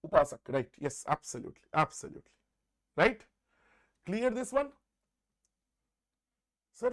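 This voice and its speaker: A man's voice: on the high side, creaky, fairly bright tone. A man with an Indian accent teaching a live maths exam-prep lesson, conversational and repetitive, often saying "sir" and slipping Hindi words into his English. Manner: repeats phrases, often addresses listeners as "sir". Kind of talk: live exam-prep lesson, working through problems aloud.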